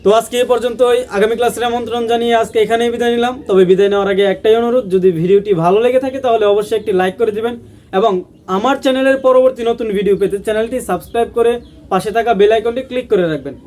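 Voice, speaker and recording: A man teaching a language lesson, speaking slowly and repeating each sound aloud for learners. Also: very high voice, darkish tone. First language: Bengali.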